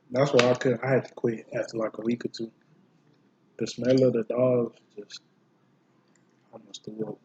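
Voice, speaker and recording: Flat-voiced man telling a blunt story. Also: mid-range voice, slightly rough, muffled recording. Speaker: vlog co-host. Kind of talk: casual chat while eating.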